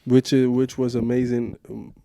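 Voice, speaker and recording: A young man from Switzerland tells a story in a casual podcast interview. His voice is mellow and dark, and he acts out what others said. The sound is close and dry. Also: mid-range voice, moderate pace, gravelly, no room sound. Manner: animated storytelling with acted-out quotes. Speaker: guest, professional basketball player.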